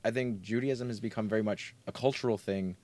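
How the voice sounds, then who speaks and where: A young man from New York co-hosts a casual interview, firing off eager questions. He talks fast in a fairly low voice. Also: a little mellow. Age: young adult.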